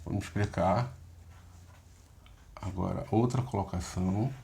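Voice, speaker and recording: A middle-aged pastor gives a recorded lesson in biblical Hebrew grammar, patiently explaining each step and often checking in with short questions. His voice sits low and is warm, with vocal fry, and he speaks a little slowly.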